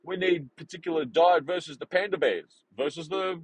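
A man in his forties hosting a podcast, talking in a rambling, animated way with many fillers and restarts. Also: fairly high pitch, normal speed, slight background noise, rough recording. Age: 40s. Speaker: podcast host. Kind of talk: casual unscripted monologue.

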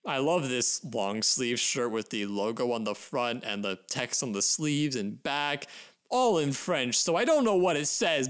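A podcast host talks in an unhurried way, with a voice that leaps all over its range. Dry, sarcastic remarks give way to melodramatic gushing. The delivery is comedic commentary with plenty of exaggeration. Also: medium pitch, fairly bright tone. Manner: gushing, theatrical overexcitement; sarcastic asides.

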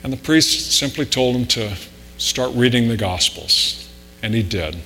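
Male pastor, bright, forceful delivery, sermon in a reverberant church with a faint hum. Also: mid-range voice, expressive, a little slow. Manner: conversational preaching with anecdotes, rising emphasis on key points. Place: church sanctuary. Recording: reverberant hall with mains hum.

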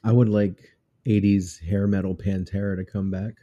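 A man bantering crudely on a podcast, swearing and joking freely. His voice sits on the low side, and the home recording sounds dull and lo-fi. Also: flat delivery, normal speed, mellow. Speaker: podcast co-host. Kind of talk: casual chat.

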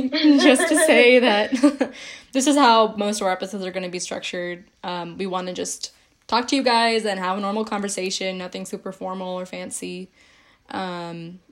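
A young woman co-hosting a casual podcast, speaking in a friendly, upbeat way straight to her listeners. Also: mid-range voice. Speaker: podcast co-host. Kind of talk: casual chat.

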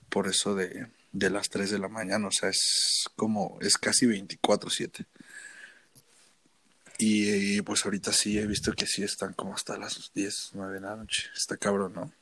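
A man's voice: fairly low pitch, fairly bright tone, dry recording. Easygoing Mexico City man, dry sound. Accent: Mexico City Spanish. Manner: easygoing, hesitant, drawn-out fillers. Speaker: podcast co-host. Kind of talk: casual comedic chat.

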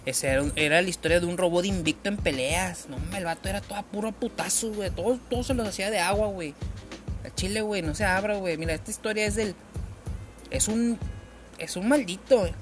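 A young man with a northern Mexican accent telling a comic story full of slang, animated and quick to laugh as he acts out voices. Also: sits high, over music. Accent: Mexican Spanish, northern. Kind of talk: comedic storytelling, heavy slang.

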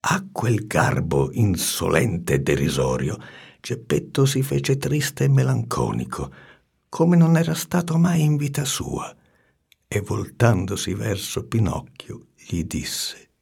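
A man reading a storybook aloud with an expressive, swinging delivery and hushed asides. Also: lowish voice, slow pace, creaky, slightly rough.

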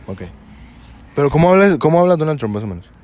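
A man with a Mexican accent chatting loudly with a friend, slangy and full of fillers. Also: on the high side, very animated, fast, a little hiss or hum. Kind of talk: casual chat among friends.

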